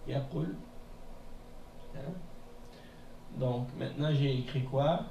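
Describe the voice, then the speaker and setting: A man teaching a beginners' class in a mosque classroom, explaining patiently and repeating words slowly, often checking with "hein?". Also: medium pitch, creaky, mellow, muffled recording. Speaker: Arabic teacher. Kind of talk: classroom lesson. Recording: echoey room from a distance, faint noise.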